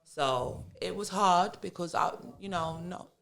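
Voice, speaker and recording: A woman's voice: lowish voice, unhurried, vocal fry, fairly bright tone. A woman in her thirties from England with a London accent, a podcast guest talking frankly and swearing freely in casual chat, laughing often. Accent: London English. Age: 30s.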